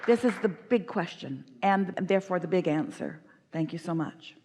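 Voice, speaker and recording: A woman speaks in an emphatic teaching cadence, as if channeling a group, and repeats her key phrases for weight. Her voice sits a little low for a woman. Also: expressive, normal speed, background noise. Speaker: spiritual speaker answering a guest. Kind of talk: channeled teaching in a live workshop.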